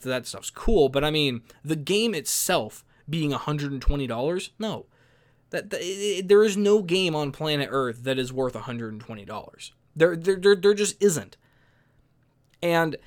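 Exasperated young man ranting. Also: medium pitch. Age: young adult. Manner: opinionated and exasperated, with many restarts. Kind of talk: casual commentary.

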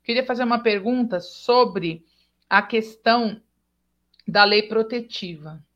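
On a dull lo-fi recording, a Brazilian woman with a slightly high voice speaks slowly while hosting a casual chat. Her Brazilian Portuguese accent comes through as she tells stories animatedly and performs quoted dialogue.

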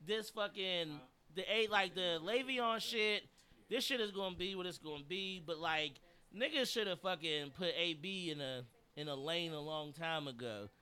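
A man co-hosting a casual radio podcast, talking football in an animated way, laughing often and swearing freely. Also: high-pitched, moderate pace. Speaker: podcast co-host. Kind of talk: casual sports chat. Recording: radio show studio.

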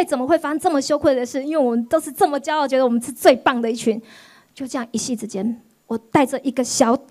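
A woman pastor, giving a sermon testimony in an animated storytelling way. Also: sits high. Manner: animated storytelling, acts out quoted voices.

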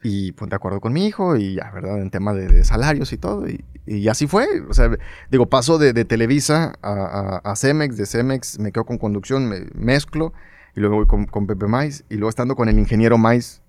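A man's voice: on the low side, brisk, dry recording. A middle-aged man with a northern Mexican accent, a broadcast journalist casually telling stories in an interview and acting out the dialogue he quotes. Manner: animated anecdotal storyteller, acts out quoted dialogue, frequent fillers.

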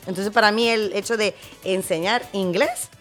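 Interview guest: woman, mid-pitched, lively, switches into English mid-sentence, faint music underneath. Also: normal speed. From Honduras. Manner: mixes English words into Spanish; lively storyteller who acts out quotes. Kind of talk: casual interview chat.

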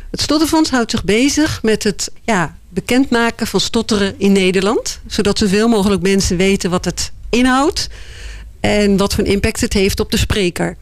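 A woman answering interview questions in a thoughtful, hesitant way, often pausing with fillers. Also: medium pitch, dry recording. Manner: thoughtful, hesitant, many "eh" and "ja" pauses. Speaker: board member of a foundation, interview guest.

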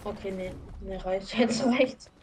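A woman's voice: mid-range voice, unhurried, noisy background. A woman on a live stream reading jokes from the internet aloud and calling them illogical. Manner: reads jokes from her screen, mocks them as illogical.

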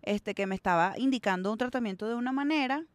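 A woman's voice: a little high, fast, no room sound. A woman with a Venezuelan accent co-hosting a podcast in casual, blunt, slang-heavy chat, acting out quoted voices. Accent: Venezuelan Spanish. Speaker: podcast co-host.

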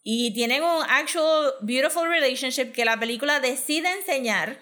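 A woman's voice: high-pitched, moderate pace, sharp tone. A woman recapping a film in casual chat, mixing in English words, with lots of fillers and laughs.

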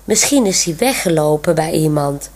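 A woman's voice: sits low, lively intonation, normal speed, darkish tone. A woman reading aloud voices a sensible, thoughtful adult caretaker. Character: kindly adult female caretaker.

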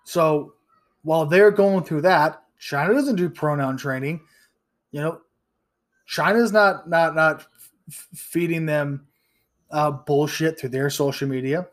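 A man's voice: fairly high pitch, unhurried, long pauses. A man in his thirties hosting a solo podcast, ranting bluntly and profanely with frequent restarts and stumbles. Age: 30s. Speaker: podcast host.

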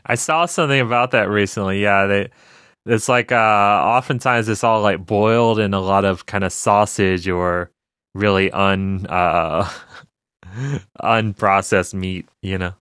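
An easygoing man co-hosting a casual podcast. His voice is bright and forceful, and it is recorded dry and close. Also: fairly low pitch, measured pace, clear, resonant tone, no room sound. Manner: easygoing, laughs often. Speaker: podcast co-host. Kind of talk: casual chat.

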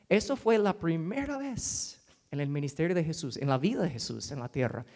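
A man's voice: fairly high pitch, darkish tone. A man preaching a sermon as pastor, in a conversational way that keeps asking the congregation questions and drops to a whisper for quoted lines.

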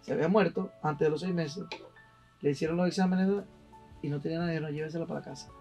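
A man's voice: on the high side, fast, far from the mic, faint music behind. Man telling a heartfelt story. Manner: animated, heartfelt storytelling with slang. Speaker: guest. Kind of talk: emotional personal storytelling.

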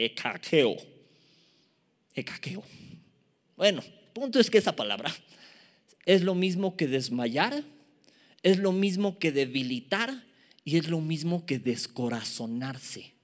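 A man's voice: a little high, expressive, moderate pace. A man with a Mexican accent preaching a sermon, asking the congregation questions in a casual, self-deprecating way. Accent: Mexican Spanish. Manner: asks the congregation rhetorical questions.

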